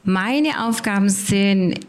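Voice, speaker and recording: A woman's voice: mid-range voice, slow pace. A woman who leads a children's holiday program, explaining her job in a motherly way. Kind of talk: radio interview answers.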